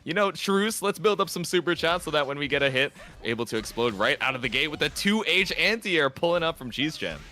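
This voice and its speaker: A man giving analytical, excitable play-by-play commentary on a fighting game tournament, full of gamer slang. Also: fairly high pitch, a little fast, few pauses. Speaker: esports commentator.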